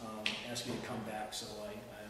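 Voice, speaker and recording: A man's voice: on the low side, completely flat delivery, brisk. A man in his fifties from New Hampshire, telling casual childhood stories to a small group, chatty and good-humored with lots of fillers. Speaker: speaker at an oral history gathering. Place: wood-paneled old town meeting hall. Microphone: far camera. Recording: echoey hall from far off, noisy.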